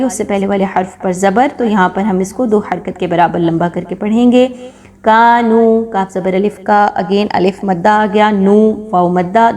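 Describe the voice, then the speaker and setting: A woman tutor teaching Quran recitation rules, explaining patiently and drawing out recited words slowly. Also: medium pitch, darkish tone. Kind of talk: tajweed lesson.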